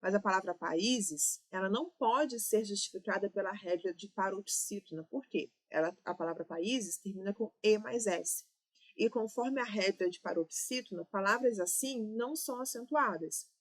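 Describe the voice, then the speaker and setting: At a moderate pace and mid-range pitch, a Brazilian Portuguese-accented woman explains grammar for exam prep one step at a time, regularly asking "ok?" and "né?".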